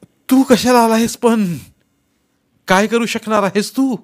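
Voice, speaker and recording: A man's voice: a little high, a little slow, pitched above the performer's own voice. A man voicing an elderly father who is frightened and grieving, with a trembling, agitated and tearful delivery. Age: older.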